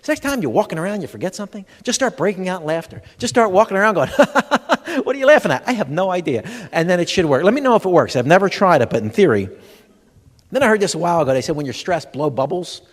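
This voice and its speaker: A fast-talking man with a high voice performs stand-up comedy in a large expo hall, where long reverb fills the recording. As a comedian and humor educator, he animatedly spins stories, acts out conversations, and speaks directly to the live audience.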